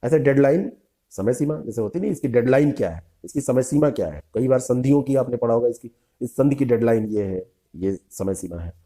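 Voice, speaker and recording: Dark-voiced man teaching vocabulary. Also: medium pitch, animated, a little fast. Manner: reads term then Hindi meaning, repeating words with short asides. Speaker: exam prep teacher. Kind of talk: vocabulary lesson.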